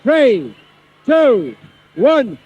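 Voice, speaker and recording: Man, South African accent, referee, very high voice, unhurried commands, worn tape copy sound, muffled, faint hiss. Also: very animated. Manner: slow, deliberate commands. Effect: worn VHS tape copy sound. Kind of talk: calling start countdowns.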